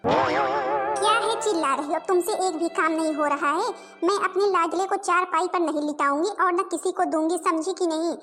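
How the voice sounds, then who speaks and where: A woman's voice: very high voice, normal speed, fairly bright tone, faint music behind. A woman voicing a sly, lazy young bride. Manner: whiny, scheming asides. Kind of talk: cartoon voice acting.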